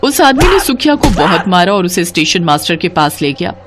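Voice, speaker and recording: A woman narrating a scripted children's moral story in an expressive storytelling manner. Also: fairly low pitch, a little fast, shouting, over music.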